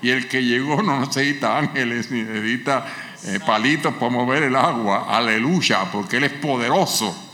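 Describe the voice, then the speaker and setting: A male pastor preaching a sermon with passion, swinging from loud cries to hushed, pleading lines. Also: medium pitch, normal speed. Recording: echoey hall with faint ambience.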